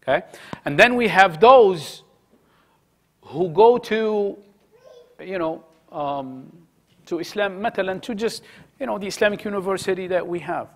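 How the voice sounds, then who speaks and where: A man's voice: high voice, lively intonation, unhurried, pauses often. A man teaching a religious study circle in a conversational way, asking his listeners questions, repeating key phrases and mixing in Arabic words. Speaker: halaqa teacher.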